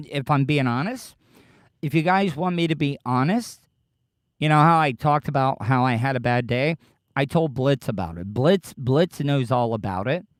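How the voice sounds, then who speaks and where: Slow-talking man, lip full of dip. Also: mid-range voice, clean tone, no room sound, studio quality. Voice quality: slightly slurred speech, as with a lip full of dip. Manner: halting, defensive, profane. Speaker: podcast livestream host. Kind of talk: casual livestream chat, answering live commenters.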